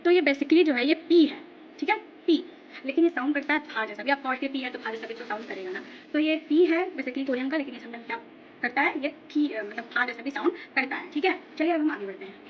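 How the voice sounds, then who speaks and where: A woman's voice: sits high, expressive, quick pace, highs cut off, a little hiss or hum. A woman teaching a language lesson in a chatty, patient way, mixing English words into her Hindi. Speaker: language tutor. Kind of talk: casual spoken lesson.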